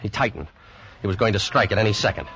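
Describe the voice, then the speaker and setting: In a 1940s-50s radio suspense play, an American actor narrates in first person as a shaken man recounting a deadly terror aboard ship, full of tense dread and dramatic intensity. His lowish voice, close to everyday speech, moves fast. The dull vintage recording carries heavy background noise and loud orchestral music.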